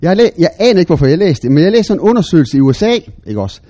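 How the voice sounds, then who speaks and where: A middle-aged man, preaching a sermon as animated storytelling with big, loud bursts when he quotes himself. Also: on the high side.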